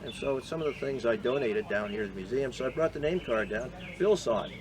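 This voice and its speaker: A man's voice: medium pitch, expressive, background noise. Older man telling a story outdoors. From Boston area, USA. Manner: measured and earnest, with frequent hesitations. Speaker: veteran interviewee. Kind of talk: reflective personal storytelling.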